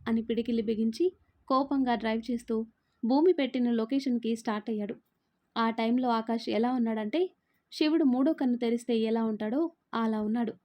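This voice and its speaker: A woman's voice: fairly high pitch, fairly even intonation, a little fast, dark tone. A woman storyteller giving scripted, dramatic story narration.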